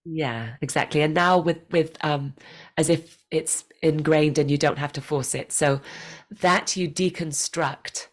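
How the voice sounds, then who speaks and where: A woman coaching English pronunciation over a video call, patient and encouraging, modelling phrases slowly. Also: low voice, steady tone. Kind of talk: one-on-one online pronunciation lesson.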